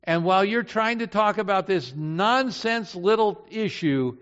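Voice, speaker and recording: An older man preaching a sermon, telling a story with loud emphatic lines and hushed low ones. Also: animated, unhurried, clean tone. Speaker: pastor. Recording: dull sound in a reverberant hall.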